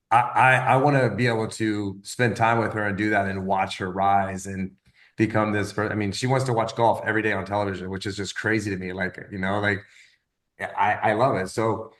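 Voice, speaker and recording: A man in his fifties giving casual motivational coaching, rambling and often repeating words as he tells lively stories. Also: lowish voice. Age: 50s. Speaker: wellness business coach.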